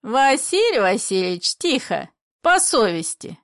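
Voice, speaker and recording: A woman's voice: on the high side, sing-song, a little slow, dry recording, studio quality, pitched above the performer's own voice. A woman voicing a meek, simple old man who speaks mildly, in a play reading. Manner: mild, pleading, simple.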